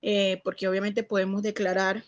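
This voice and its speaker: A woman's voice: medium pitch, little pitch movement, normal speed, muffled recording. A Venezuelan woman joining a live video call to ask a question, speaking hesitantly and rambling a little. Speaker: participant on a call.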